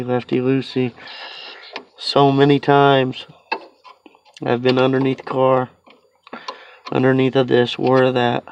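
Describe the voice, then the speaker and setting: A man's medium-pitched, creaky voice carries a casual car repair walkthrough, recorded with dull audio and slight background noise. He's a home mechanic outdoors in a sloping yard, sniffly and stuffy from a cold, chatting and rambling while running himself down.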